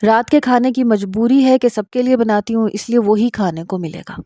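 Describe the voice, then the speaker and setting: A woman's voice: fairly high pitch, mellow, no echo, studio quality, close to an everyday voice. A woman voicing a scolding young wife. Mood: indignant. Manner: firm, scolding. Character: young wife, orderly and indignant.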